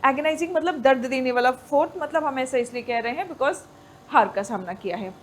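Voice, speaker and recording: A woman teaching exam vocabulary, explaining words slowly, spelling them out and checking in with the learners again and again. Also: high-pitched, slight background noise. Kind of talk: Hindi-English vocabulary lesson.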